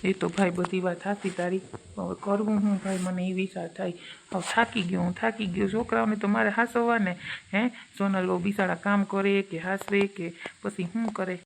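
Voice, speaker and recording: A woman playing a weary, gravelly village brother. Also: medium pitch, little pitch movement, moderate pace, slight background noise, close to an everyday voice, rough recording. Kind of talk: village comedy skit.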